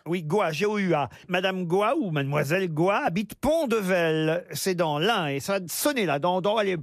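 A man hosts a lively radio talk show, teasing his guests with playful questions. His voice sits high for a man, and the studio sound is dry and close. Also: normal speed, vocal fry, no echo.

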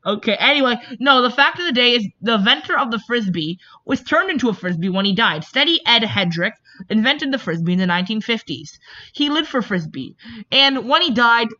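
A woman's voice: on the high side, expressive, fairly quick, pushed and bright. A female podcast co-host chatting casually, giggly and rambling with many fillers. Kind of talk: casual chat. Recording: dull lo-fi recording.

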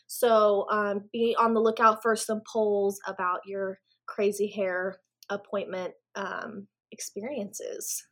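A woman's voice: mid-range voice, flat delivery, slow, fairly bright tone. A young woman co-hosting a casual podcast, chatty, laughing often and swearing casually. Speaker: podcast co-host.

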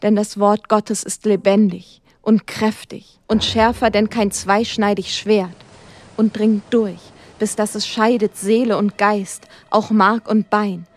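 A woman voicing a frail old man who pleads and preaches slowly and loudly in a storybook drama. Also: mid-range voice, little pitch movement, dry recording, natural voice. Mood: pleading.

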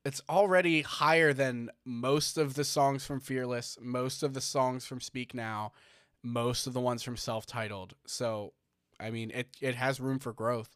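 A man's voice: medium pitch, steady tone, measured pace, fairly bright tone, smooth, no echo, studio quality. A man co-hosting a casual chat show, rambling with lots of fillers and restarts as he reads out figures. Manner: rambling, many fillers and restarts, reading numbers. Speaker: podcast co-host.

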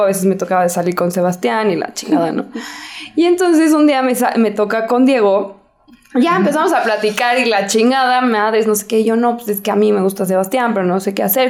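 A woman's voice: medium pitch, a little mellow. A young woman with a Mexican accent, telling a story bluntly and full of slang, often laughing. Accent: Mexican Spanish. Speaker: podcast co-host. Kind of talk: casual chat, storytelling.

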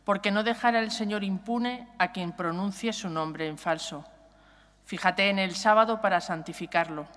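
A lector reading scripture at Mass in a clear, formal way. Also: mid-range voice, fairly bright tone. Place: large church. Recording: long church reverb.

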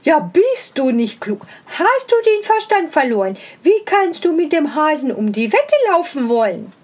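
Woman narrator doing a very high, shrill, flustered hedgehog wife from a storybook. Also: sing-song, moderate pace, a little mellow. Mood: alarmed. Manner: shrill and agitated. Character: alarmed scolding hedgehog wife, shrill and excitable.

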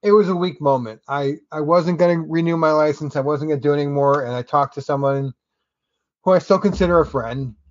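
A man's voice: a little high, fairly quick, dull audio. A man hosting a solo podcast, talking in a casual, rambling, conversational way with wry asides. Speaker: podcast host.

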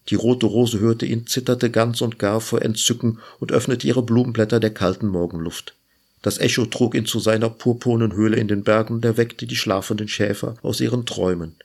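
Man reading a fairy tale on his lit show, husky gravelly voice, slow lyrical. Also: lowish voice, steady tone, a little mellow. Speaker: host reading literature. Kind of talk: storybook reading.

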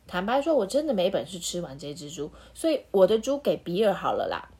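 A woman voicing an excitable male wolf who shouts in a rising, eager way. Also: fairly low pitch, brisk, slightly rough. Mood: flustered.

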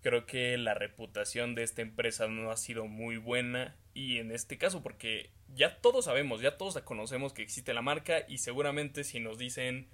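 A man with a Mexican accent, co-hosting a casual discussion in a relaxed, conversational way. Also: mid-range voice, normal speed, hardly any pauses. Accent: Mexican Spanish. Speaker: podcast co-host.

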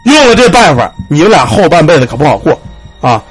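A man's voice: fairly high pitch, very animated, fast, faint music behind, voice pushed down. A man doing a grave old village temple keeper. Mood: warning.

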